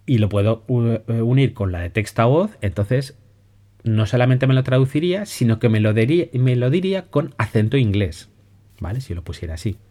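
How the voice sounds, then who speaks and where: On his podcast, a man with a Spain Spanish accent walks listeners through educational software in a casual spoken explainer. His pitch is ordinary and mid-range, and his relaxed, conversational delivery is full of restarts and "¿vale?" check-ins.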